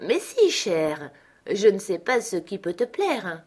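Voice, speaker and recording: A woman's voice: medium pitch, huge pitch swings, slow pace, darkish tone, breathy edge, exaggerated voice. A woman voicing a wealthy, generous friend who speaks graciously.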